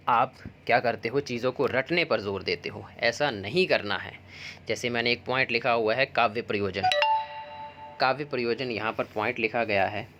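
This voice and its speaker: A man's voice: mid-range voice, fairly bright tone, a little hiss or hum. Man teaching a Hindi exam prep lesson. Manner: explanatory, uses mnemonics and stories.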